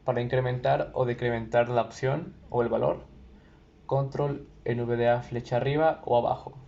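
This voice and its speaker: A man giving a calm, step-by-step tutorial on changing screen-reader voice settings. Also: mid-range voice, normal speed, creaky. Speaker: tutorial presenter. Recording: lo-fi with faint noise.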